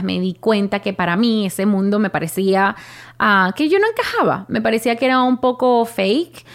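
A young woman, casually telling her own life story with many fillers and restarts. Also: medium pitch. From Venezuela. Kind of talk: personal storytelling monologue.

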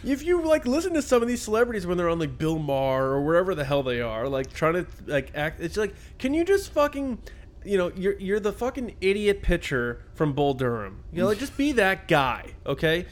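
A man co-hosting a podcast, telling stories in an animated, profane way and acting out quotes. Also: sits high, a little fast. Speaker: podcast co-host. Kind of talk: casual chat about a film.

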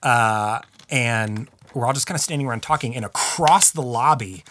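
A man's voice: mid-range voice, normal speed, a bit bright. A man casually telling a long story on a podcast, rambling with lots of filler words and swearing.

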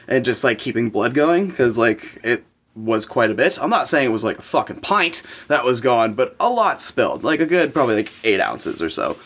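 A man's voice: mid-range voice, fairly bright tone. A young man, a chef as guest, telling kitchen stories in a rambling, profane way with lots of fillers. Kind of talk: casual storytelling.

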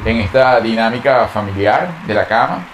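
A man's voice: fairly low pitch, moderate pace. Man, teasing co-host, casual joking chat, faint background noise.

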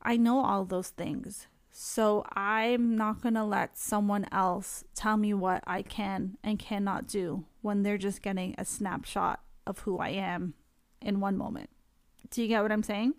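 A woman's voice: mid-range voice, steady tone, a little slow, dry recording. Candid, chatty woman with dry close sound. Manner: candid and chatty, laughs often. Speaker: vlogger sharing her experience with anxiety. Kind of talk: casual direct-to-camera talk.

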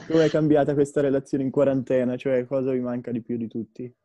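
A man's voice: medium pitch, fairly even intonation, quick pace, dark tone, lo-fi sound. A young man co-hosting a casual podcast, putting questions to his guests. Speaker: podcast co-host.

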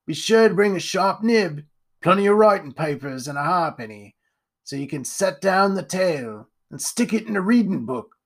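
A man doing a gruff, gravelly old captain. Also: high-pitched, animated, normal speed. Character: gruff old male pirate captain, scarred and boastful.

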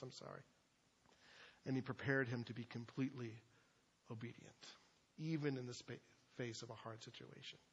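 A man's voice: medium pitch, breathy edge, dull audio. A man preaching a sermon as pastor, talking in a conversational way with loose asides and fillers. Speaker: pastor teaching a sermon series.

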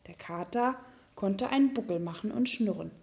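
Eine Frau, die ein Märchen ausdrucksvoll und sanft vorliest. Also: female voice, medium pitch, moderate pace, creaky, a little mellow. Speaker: storyteller. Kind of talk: fairy tale reading.

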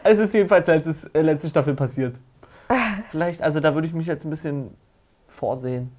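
A woman's voice: low-pitched, normal speed, dark tone. A woman co-hosting a podcast, chatting casually and jokingly about a TV show. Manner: chatty, joking, laughs often. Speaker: podcast co-host. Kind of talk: casual chat reacting to a TV show.

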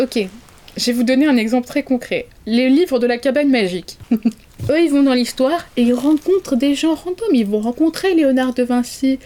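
A woman's voice: fairly high pitch, mellow. A young woman co-hosting a podcast, talking casually about films in a chatty, wry, digressive way. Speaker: podcast co-host. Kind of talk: casual chat reviewing films.

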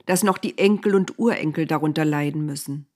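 A woman's voice: deep voice, fairly quick. Woman voicing a stern, unmoved God. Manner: calm, stern, unmoved, briefly snapping. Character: God, stern weary divine voice from a cloud.

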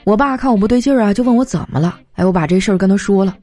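A young woman telling comic anecdotes in a chatty, animated way, slipping into voices for the people in her stories. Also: mid-range voice, very fast. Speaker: comedy storyteller. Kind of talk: scripted comic monologue. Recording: light background music. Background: faint music.

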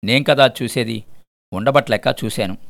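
A man voicing a widowed mother who speaks slowly and calmly. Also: mid-range voice, gravelly. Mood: gentle. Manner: slow, calm telling. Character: widowed mother, gentle and patient.

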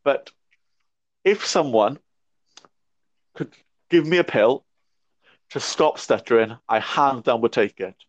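A man's voice: mid-range voice, expressive, slow pace, long pauses, no room sound. A young man in his twenties, a podcast guest, talking reflectively with a stammer and frequent restarts. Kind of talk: casual conversation. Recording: dry muffled lo-fi audio.

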